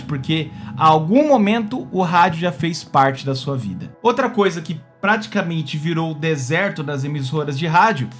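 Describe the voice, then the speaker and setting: A Brazilian man with a high-pitched voice hosts a casual YouTube opinion video. He talks to viewers expressively and conversationally, often looking for their agreement.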